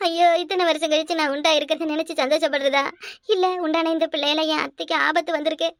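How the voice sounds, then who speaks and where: Cartoon: a woman playing a wailing young daughter-in-law, Kanyakumari Tamil accent, very high, fast, pleading voice. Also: fairly bright tone, dry recording, clean studio sound. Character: pregnant young daughter-in-law, tearful and dramatic. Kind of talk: cartoon voice acting.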